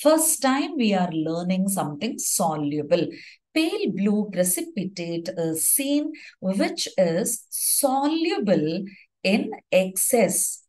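A woman teaches an exam-focused chemistry lesson at a slow, unhurried pace. Her pitch moves a lot, rising and falling as she stresses key words. She dictates notes, repeating phrases and correcting herself along the way. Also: a little mellow, rough recording. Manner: self-corrects with fillers.

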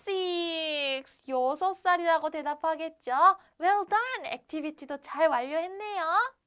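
High, slow sing-song woman teacher. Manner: slow, sing-song English with Korean explanations; counts aloud with rising emphasis. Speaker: English teacher for children. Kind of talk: online class for young learners.

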